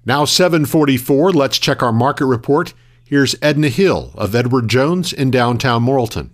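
Measured male local radio news anchor. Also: medium pitch, animated. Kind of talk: scripted local news reading.

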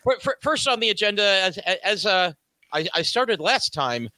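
New man hosting a chat podcast; animated, bright, stumbling delivery. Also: high-pitched, moderate pace, no room sound. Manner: stammering, repeats words, laughs often. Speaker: podcast host.

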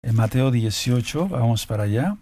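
A man giving a sermon-style Bible lesson, reading scripture aloud slowly and stopping often to add asides and repeat key phrases for his listeners. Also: medium pitch, lively intonation, mellow. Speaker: Bible teacher.

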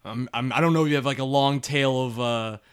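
A man's voice: medium pitch, brisk, clean tone. A man co-hosting a podcast, chatting casually and teasing with follow-up questions. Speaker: podcast co-host. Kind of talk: casual chat.

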